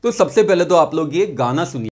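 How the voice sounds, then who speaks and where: A male teacher giving a chatty lesson, reading example sentences slowly and explaining them briskly with joking asides. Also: fairly high pitch, expressive, darkish tone. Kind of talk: classroom lesson explaining poetry terms.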